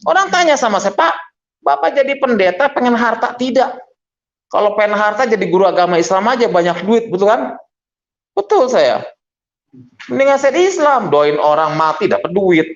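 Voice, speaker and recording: A man's voice: sits high, moderate pace. A middle-aged man, a pastor giving a testimony sermon and acting out the dialogue in his stories. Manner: animated storyteller acting out dialogue. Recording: dull lo-fi recording.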